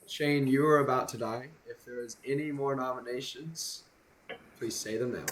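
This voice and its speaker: A man's voice: mid-range voice, fairly even intonation, moderate pace, background noise. A man acting as game storyteller, announcing votes and nominations to the players. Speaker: storyteller running a social deduction game.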